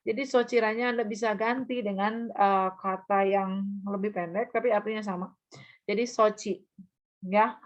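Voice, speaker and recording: A woman's voice: mid-range voice, fairly even intonation. Patient woman teacher, muffled lo-fi sound. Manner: patient, explanatory, models example phrases aloud; checks understanding with quick asides. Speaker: Japanese language teacher. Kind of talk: recorded online lesson.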